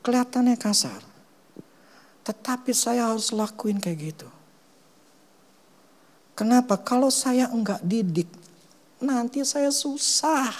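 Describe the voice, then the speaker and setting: Animated middle-aged Indonesian pastor preaching. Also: male voice, extremely high pitch, slow pace, long pauses. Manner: animated storytelling, swings from loud to hushed. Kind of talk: sermon.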